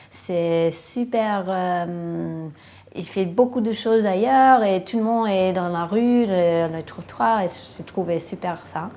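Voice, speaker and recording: A woman in her thirties shares her own story in a language she learned as an adult. She stops often to search for words and fills the gaps with small hesitations. Her voice sits at a middle pitch, typical for a woman. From western United States. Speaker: interviewee. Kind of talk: casual personal account.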